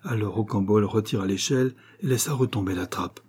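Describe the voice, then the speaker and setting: A male audiobook reader narrates in a measured, even storytelling manner. His voice is dark and mellow, with a husky edge. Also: fairly low pitch. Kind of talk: scripted narration.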